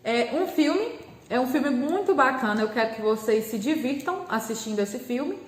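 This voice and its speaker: Teaching young children in a remote class, a Brazilian primary school teacher breaks each word into syllables with patience and a slow pace, yet stays animated. She has a Brazilian Portuguese accent and a high voice, and a noticeable room echo colors the recording.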